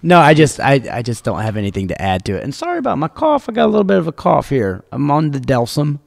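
A man's voice: a little high, sing-song, fast talker, vocal fry. Joking male podcast host, echoing room. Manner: joking, laughs often, reads listener questions. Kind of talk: casual podcast chat.

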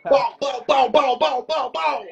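Man, Chicago accent, sharp bright voice, repetitive hype calls, livestream ad-libs. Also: very high-pitched, unhurried, vocal fry, lo-fi sound.

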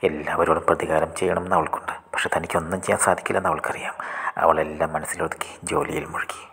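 Husky man in whispered storytelling. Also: a bass voice, level tone, fast. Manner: hushed, half-whispered narration.

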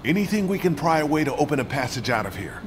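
An actor playing a steady, protective survivor in a video game, earnest and reassuring. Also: male voice, a little high, fast talker, noisy background. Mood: determined. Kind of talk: dramatic video game acting.

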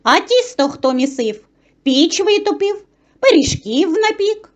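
A woman voicing a hardworking, cheerful male rooster in a children's tale, calling out brightly. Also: extremely high pitch, sing-song, measured pace, highs cut off, pitched above the performer's own voice, exaggerated voice. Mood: reproachful. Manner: calling out brightly, then scolding.

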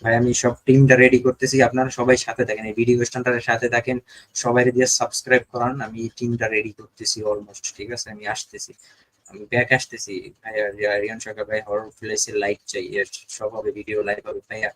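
With a totally flat, fast delivery and a slightly bright mid-range voice, a young Bangladeshi ghost-hunting streamer goes through viewer comments, constantly asking "ঠিক আছে?" in a Bangladeshi Bengali accent. The audio is poor.

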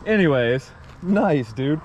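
A man vlogging from a bridge over a swamp on a head-mounted camera, chatting excitedly with viewers he calls y'all. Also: fairly high pitch, slow. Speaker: magnet fishing vlogger. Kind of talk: casual outdoor vlog commentary. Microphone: head-mounted action camera. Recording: faint outdoor noise.

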